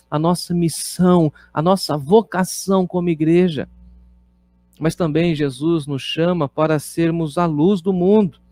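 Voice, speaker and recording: A man's voice: high voice, darkish tone, dry recording. A male pastor with a Brazilian Portuguese accent preaching a sermon, telling a story and asking repeated rhetorical questions.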